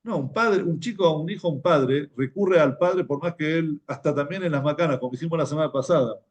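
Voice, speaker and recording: A man with an Argentine Spanish accent gives a Torah class in a relaxed, conversational way. His voice sits fairly high for a man, and he tells stories while often repeating his words. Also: brisk. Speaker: religious teacher.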